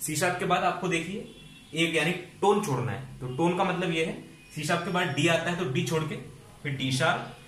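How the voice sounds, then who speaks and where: A man's voice: on the high side, normal speed, fairly bright tone, roomy sound. Patient man teaching music theory. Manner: patient, repeats and checks understanding.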